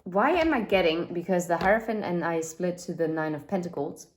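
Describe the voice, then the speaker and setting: A woman with a fairly low voice talks her way through a tarot spread. Her delivery is loose and chatty, full of fillers and side remarks. She speaks from a room beside a window. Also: expressive, a little fast. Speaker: tarot reader. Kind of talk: casual tarot reading.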